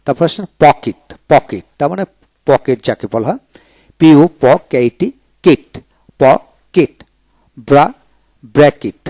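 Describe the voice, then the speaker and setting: A man teaching English spelling in a video lecture, slowly spelling each word letter by letter and repeating it. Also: mid-range voice, darkish tone, no echo. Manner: slow and drilling, spells words letter by letter and repeats them.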